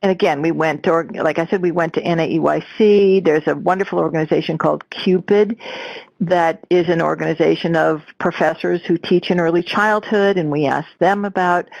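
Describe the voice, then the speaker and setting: A woman co-presenting on a webinar, measured and listing points one by one. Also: lowish voice, fairly even intonation, creaky, darkish tone, no room sound, muffled recording. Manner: measured, repeats phrases as she lists. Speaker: project leader and co-presenter. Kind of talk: explaining on a webinar.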